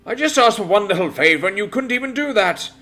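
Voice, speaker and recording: A man voicing a foul-mouthed, violent old Santa Claus in a spoken story, mocking and shouting threats. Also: sits high, expressive, quick pace, pitched above the performer's own voice. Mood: mocking, angry.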